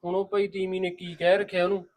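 A man's voice: high voice, level tone, fast talker, a little mellow, lightly acted. An actor playing an older, protective father-in-law who reassures his daughter-in-law and scolds his son. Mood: reassuring. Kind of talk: village family drama acting.

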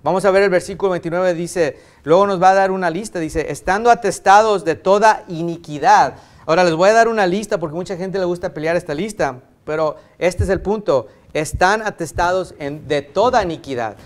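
Man preaching, fairly high voice, emphatic, repetitive, conversational asides, middle-aged. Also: a little fast. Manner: retells family anecdotes in conversational tone. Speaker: pastor. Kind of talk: sermon.

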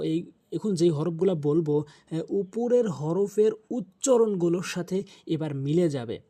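Husky-voiced man teaching letter sounds. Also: a little high, dark tone. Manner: repeats each letter many times, with fillers. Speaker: Quran recitation teacher. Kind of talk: spoken lesson on Arabic letter pronunciation.

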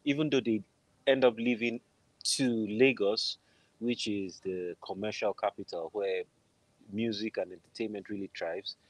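Speaking from a room in his home over a video call, a middle-aged Nigerian-accented man, a film composer being interviewed, recounts a personal story in a conversational way. His lowish voice stays steady and unhurried, and the low-quality recording has no echo.

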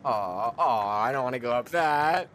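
A young man giving casual commentary while playing a game with a friend, jumpy, swinging from hushed mutters to shrieking laughter. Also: medium pitch, lively intonation, a little slow, a little hiss or hum.

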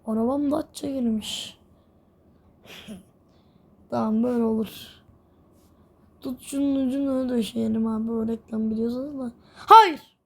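Young woman, gameplay commentary, slow and breathy, a bit high, chatty with frequent laughs. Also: fairly even intonation, dark tone. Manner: chatty, laughs often, exclaims when things go wrong. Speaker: gameplay video host.

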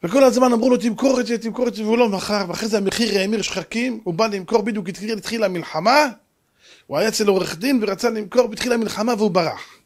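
A middle-aged man, a rabbi, preaching a sermon through a story, swinging from hushed narration to shouts. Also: sits high.

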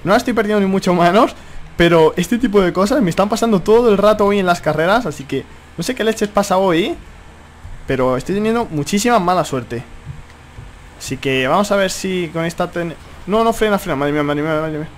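A young man with a Spanish accent from Spain giving excitable live gameplay commentary, exclaiming and repeating himself often. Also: high voice, fairly quick, slight background noise. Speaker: gaming YouTuber. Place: at home.

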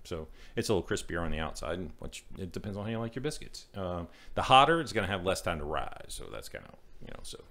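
A man's voice: deep voice, sing-song, fast, vocal fry, fairly bright tone. A middle-aged man, co-hosting a casual podcast and talking through a biscuit recipe with jokes and apologies. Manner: rambling, joking, says sorry a lot. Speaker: podcast co-host. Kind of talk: casual chat and recipe talk.

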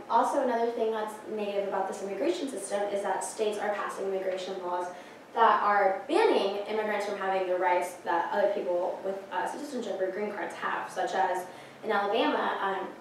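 A woman's voice: medium pitch, recorded from a distance, slight background noise. Earnest student woman in an echoey classroom. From Peru. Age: late teens. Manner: earnest, with frequent ums and restarts. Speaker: student presenter. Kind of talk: class presentation. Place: classroom with projector screen. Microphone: far camera.

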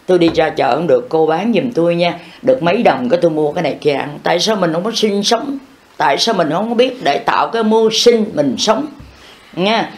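Older monk, scolding sermon. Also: male voice, on the high side. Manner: folksy, scolding, acts out everyday dialogue. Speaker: Buddhist monk teacher. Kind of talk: improvised dharma talk.

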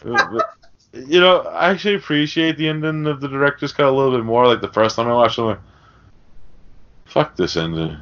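A podcast co-host talks films in a rambling, conversational style peppered with swearing. He is animated and brisk, with a mid-range voice, and the audio has a dull lo-fi sound.

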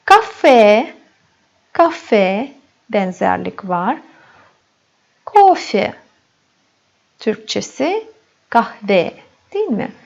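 A woman teaching a language lesson, repeating words slowly and addressing her students as friends. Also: mid-range voice. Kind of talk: slow classroom explanation. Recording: dull lo-fi recording.

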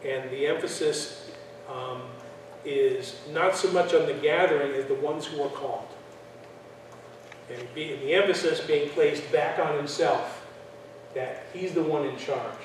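A man's voice: on the high side, a little slow, a little hiss or hum. Far-off man lecturing in an echoey room. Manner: conversational, frequent fillers and restarts. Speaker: church class teacher. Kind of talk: classroom lecture.

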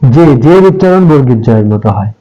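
A man's voice: medium pitch, lively intonation, fast talker, mellow, highs cut off. A man teaching English pronunciation to children, patiently repeating and spelling out each example word. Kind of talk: step-by-step spoken lesson for children.

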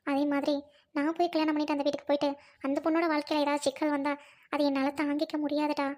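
A woman playing a gentle, grieving widowed elder sister who speaks softly and pleads with her younger brother. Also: high voice, level tone, very fast, natural voice. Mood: worried.

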